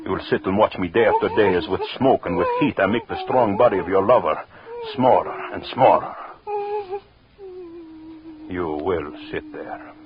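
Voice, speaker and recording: An actor playing a vengeful, obsessive husband in a 1940s radio horror drama, brooding and gloating with menace. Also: male voice, deep voice, normal speed, close to an everyday voice. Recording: muffled, noisy 1940s radio recording.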